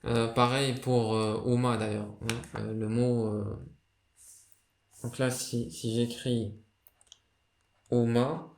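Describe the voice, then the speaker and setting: A man's voice: mid-range voice, flat delivery, slow. A man giving a casual spoken lesson on a writing system, hesitant and full of fillers and restarts. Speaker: video creator explaining a writing system. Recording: roomy echo.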